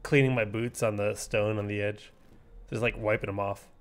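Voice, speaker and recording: A man's voice: on the low side, steady tone, moderate pace, clear, resonant tone. A man playing a tabletop game, chatting and role-playing casually and playfully.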